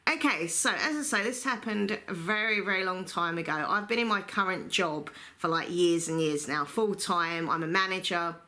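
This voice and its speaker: English woman, casual gossipy storytime vlogger, lowish pitch, bright forward tone. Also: normal speed, hardly any pauses. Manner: gossipy, rambling, self-deprecating. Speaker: YouTube storyteller and host.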